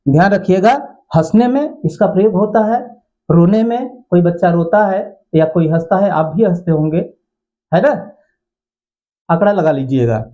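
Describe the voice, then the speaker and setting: A man's voice: sits high, expressive, normal speed, mellow. A man teaching a Hindi grammar class, who repeats key phrases and keeps asking his students questions. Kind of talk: classroom lecture. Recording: dull lo-fi sound.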